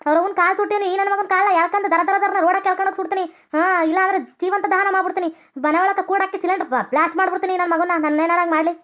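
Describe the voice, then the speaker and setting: A woman voicing a feisty, foul-mouthed young daughter-in-law in a cartoon, with a North Karnataka accent and a sharp, scolding manner. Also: very high voice, fairly even intonation, fast, highs cut off. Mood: threatening. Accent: North Karnataka Kannada.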